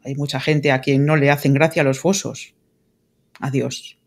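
A woman voicing an earnest, lovesick English lord in an audiobook, speaking formally and pleading gravely. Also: low voice, level tone, normal speed, a little mellow, close to an everyday voice. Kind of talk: audiobook character reading.

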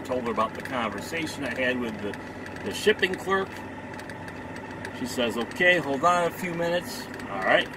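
A man talks casually on a headset mic in his truck cab, wry and a bit grumbling. His voice sits a touch high for a man. Engine and road noise run clearly behind him. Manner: wry, sing-song asides, grumbling. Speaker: truck driver vlogger. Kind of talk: casual vlog narration. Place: inside a truck cab while driving.

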